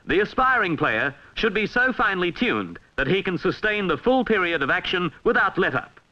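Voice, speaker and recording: An Australian man narrates a scripted 1960s instructional film in a formal, measured, emphatic style, heard on a vintage film soundtrack. His voice sits high and sounds very animated, pushed and bright, and the recording quality is low.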